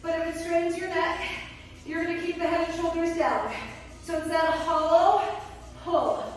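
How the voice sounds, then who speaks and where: A woman's voice: very high-pitched, steady tone, normal speed. A woman fitness instructor coaching a workout in short clipped cues and countdowns, encouraging and puffing with exertion as she exercises along. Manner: encouraging, working out along with viewers. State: exerting, puffing between sets. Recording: echoey hall, distant microphone.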